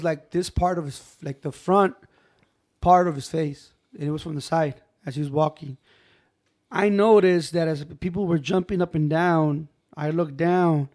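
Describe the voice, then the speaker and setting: A man telling a personal story on a podcast in loose, casual speech, with a voice pitched a bit higher than most men's. He keeps it animated, playing out what other people said and calling his listener "bro" and "man.". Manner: animated, acts out quoted voices, says "bro" and "man" often.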